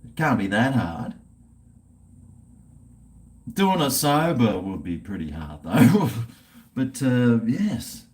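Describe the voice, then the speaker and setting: A man's voice: medium pitch, sing-song, slow, pauses often, a little mellow. A middle-aged man, rambling casually on a livestream in a blokey, laid-back, sweary way. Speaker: livestream host. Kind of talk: casual rambling livestream chat while drinking beer.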